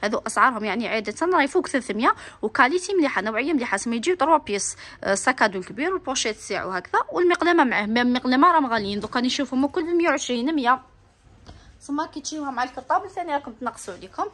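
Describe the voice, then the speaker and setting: In this product showcase vlog, an Algerian Arabic-accented woman records a bag shop on her phone, excitedly calling out prices and praising the bags. She speaks in a high, animated, rapid-fire voice with a somewhat bright tone.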